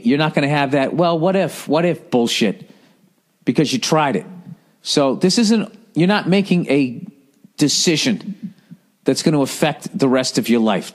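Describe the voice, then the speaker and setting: A casual advice rant comes from a middle-aged American podcast host working through listener letters. His manner is blunt and full of swearing, and he mocks with put-on voices raised to a higher pitch.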